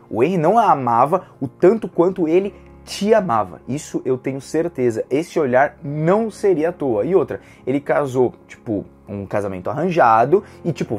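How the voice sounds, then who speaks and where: Excitable Brazilian man reviewing manga. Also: mid-range voice, breathy edge. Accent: Brazilian Portuguese. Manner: animated, emotional retelling with slangy fillers. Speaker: manga reviewer, channel host. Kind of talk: casual video review.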